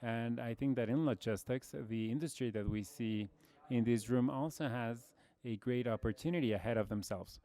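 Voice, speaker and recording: A Brazilian man in his forties, a logistics executive, gives a measured conference talk in a Brazilian Portuguese accent, often using fillers. His voice sits in the mid-range and has a warm tone.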